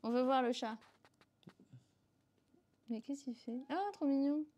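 A woman's voice: high voice, a little slow, dark tone, muffled recording. A woman with a French accent, chatting casually on a live stream and bantering with her co-host. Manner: laughing, bantering.

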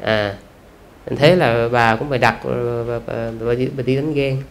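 Southern Vietnamese monk giving a dharma talk. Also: male voice, medium pitch, steady tone, measured pace, vocal fry. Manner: conversational, rhetorical questions, frequent "à" fillers. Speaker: Buddhist monk teacher.

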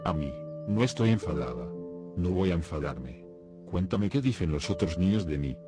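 Cold bossy little girl making threats real calm , a deep-voiced man reading her, music behind. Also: moderate pace. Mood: coldly threatening. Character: cold, menacing little girl interrogating another.

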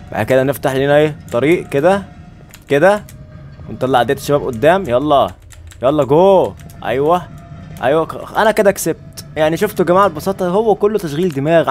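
A young Egyptian man talks through a video game playthrough, joking and chatting with his viewers the whole time. He speaks very fast in a slightly high voice. Faint game music plays behind him. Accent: Egyptian Arabic. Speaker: gaming YouTuber. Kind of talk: let's play commentary.

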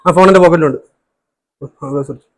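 A man filming a casual home prank for a family vlog, talking urgently and reassuring again and again, sometimes hushed. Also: a little high, fast talker. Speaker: family vlogger pulling a prank.

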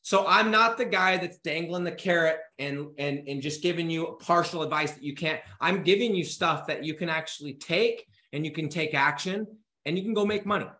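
Male, 30s, business coach, punchy motivational delivery, casual swearing; bright edge, roomy echo. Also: fairly high pitch, normal speed, hardly any pauses. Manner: energetic, urgent, swears casually; gestures a lot with his hands while talking. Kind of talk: motivational talk to camera. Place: home office with bookshelves.

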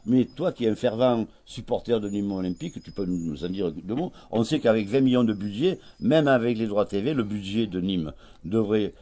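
Mellow low-voiced host. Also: male voice, moderate pace. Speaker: radio host. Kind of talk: casual radio chat.

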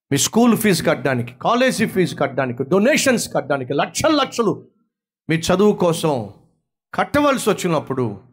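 A man's voice: on the high side, slightly rough. A man from India preaching a sermon, acting out quarrels between young people and their parents in different voices. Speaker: pastor.

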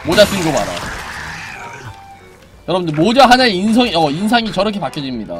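A man streaming a horror game, joking and yelling loudly at what happens on screen. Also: high-pitched, very animated, brisk, over music. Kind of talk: excited gameplay commentary.

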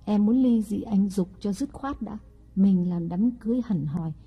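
Audiobook role: a woman playing a calculating young wife, husky and coaxing, dull lo-fi sound with faint music. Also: mid-range voice, natural voice. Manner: sweet-talking, slow and deliberate. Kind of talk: audiobook character reading.

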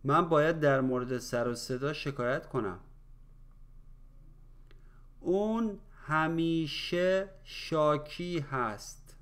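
A man with a smooth, resonant voice leads a slow language drill. He breaks each phrase into pieces, then says it again at full speed. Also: on the high side, a bit bright. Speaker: language teacher.

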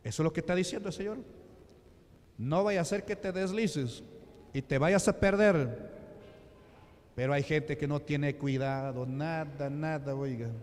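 High-voiced Peruvian man preaching in a hall. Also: darkish tone. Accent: Peruvian Spanish. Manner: slow, emphatic, rhetorical questions, drops to low voice. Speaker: deacon preaching. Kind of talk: sermon. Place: church sanctuary. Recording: reverberant church hall.

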